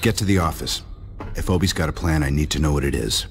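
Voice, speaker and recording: Gravelly, very low Tony Stark. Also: male voice, quick pace, slight background noise. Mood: earnest, resolute. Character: confident, stubborn male inventor in an armored suit. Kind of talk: video game voice acting.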